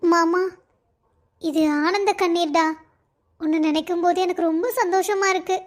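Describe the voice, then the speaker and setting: A woman voicing a young, tender pregnant wife in a cartoon story, speaking softly and affectionately. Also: very high-pitched, steady tone, normal speed. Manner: soft, affectionate. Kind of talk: Tamil cartoon voice acting.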